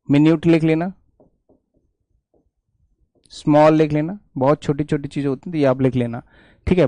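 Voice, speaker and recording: A man's voice: a little high, mellow, no echo. A man teaching vocabulary for exams, explaining each word with memory tricks and checking in with "theek hai" over and over. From India. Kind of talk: exam-prep vocabulary lesson.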